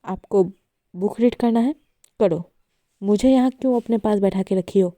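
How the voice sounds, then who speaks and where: A woman voicing a gentle, timid young woman who talks softly and placatingly, at times flustered, in a spoken love story. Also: fairly high pitch, unhurried, no echo, close to an everyday voice. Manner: soft and placating, sometimes flustered.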